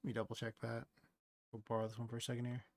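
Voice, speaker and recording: A man with a gravelly edge talks to himself while he works, rambling and trailing off. He sounds tired from a long night of building a game. The sound is close and dry. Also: mid-range voice, monotone, rapid-fire, a little mellow, no echo. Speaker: indie game developer streaming his work. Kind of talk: thinking aloud while working.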